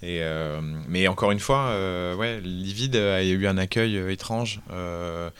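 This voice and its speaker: Deep-voiced film director, chatty, animated storyteller. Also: male voice, slow, clear, resonant tone. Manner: animated storyteller, acts out quotes loudly. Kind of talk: casual interview anecdote.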